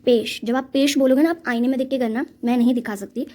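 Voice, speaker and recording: A woman's voice: high voice, steady tone, fast, a little mellow. A woman teaching a reading lesson step by step, patiently drilling letter sounds and repeating each one.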